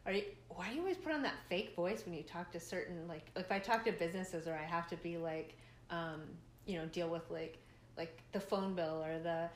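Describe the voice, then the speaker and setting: A woman's voice: on the low side, fairly quick. A middle-aged woman co-hosting a podcast in casual chat, rambling with lots of fillers and frequent laughter. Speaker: podcast co-host. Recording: echoey room, faint noise.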